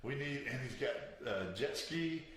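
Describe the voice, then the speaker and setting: A man's voice: medium pitch, lively intonation, measured pace, a bit bright. Rambling male host in an echoey room. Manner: rambling storyteller, easygoing and joking. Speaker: show host. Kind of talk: casual chat. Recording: echoey room with faint noise.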